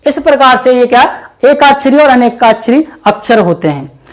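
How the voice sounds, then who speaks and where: Woman teacher with a high voice, grammar lesson, keeps saying "see" and filling gaps, explains slowly step by step. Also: lively intonation. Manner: explains step by step, repeats "देखिए" and "क्या है" as fillers; addresses viewers as friends. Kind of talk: exam-prep lesson.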